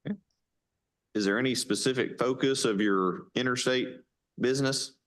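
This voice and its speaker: A man chairing a board meeting, briskly calling up applicants and asking for questions. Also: medium pitch, a bit bright. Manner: brisk, calls names and asks for questions.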